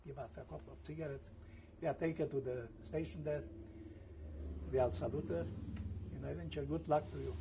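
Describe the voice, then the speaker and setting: A man in his seventies giving oral history testimony in halting, broken English, pausing to search for words and slipping into German and Hebrew. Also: on the high side, creaky, dark tone, slight background noise. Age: 70s. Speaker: Holocaust survivor giving testimony.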